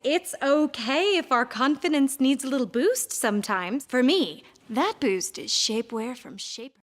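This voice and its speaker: A woman's voice: high-pitched, animated, measured pace. A woman reading an upbeat advertisement in a breezy way. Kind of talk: advertisement read.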